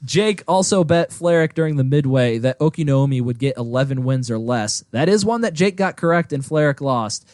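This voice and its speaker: A man's voice: mid-range voice, expressive, moderate pace, few pauses, a little mellow, no room sound, clean studio sound. A man co-hosting a casual podcast, teasing and needling the others. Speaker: podcast co-host.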